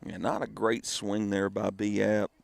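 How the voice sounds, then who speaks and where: A man's voice: lowish voice, flat delivery, unhurried, gravelly, no echo. A man giving casual, folksy color commentary on a live baseball game. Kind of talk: conversational live sports commentary.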